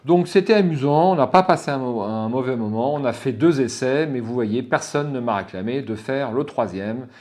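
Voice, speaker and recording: A man's voice: medium pitch, moderate pace, few pauses, a little mellow. A man hosting his channel, giving a casual spoken review with lots of fillers and restarts, frank and opinionated, muttering curses when he loses his thread. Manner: hesitant, many fillers and restarts, swears under breath when stuck. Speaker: channel host reviewing a gamebook.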